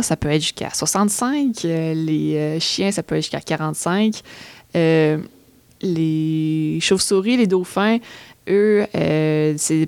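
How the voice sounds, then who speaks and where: Quebec woman explaining facts, slightly low. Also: darkish tone, clear, resonant tone, no room sound. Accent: Québécois French. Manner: explanatory, hesitant with many fillers. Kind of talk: casual radio chat explaining facts.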